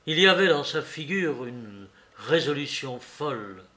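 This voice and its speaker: A man narrating a classic novel in a measured, expressive way. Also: medium pitch. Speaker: audiobook reader. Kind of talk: literary narration.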